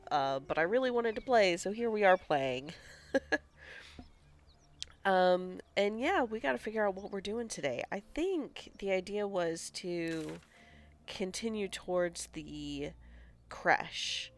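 Her voice stuffy with a cold, a gaming channel host gives casual let's-play commentary at a slow pace, medium-pitched and expressive. She reads menu options out loud and ponders which to choose.

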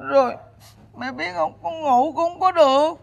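A performer playing a stammering, whiny son in a stage comedy sketch. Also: female voice, high-pitched, normal speed, vocal fry. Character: stammering frazzled grown son.

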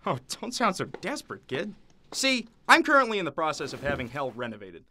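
A man voicing a fast-talking, harried male devil boss in an animated short, wisecracking and full of puns. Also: on the high side, slight background noise, full character voice. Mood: wry. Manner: wisecracking, punning, exasperated.

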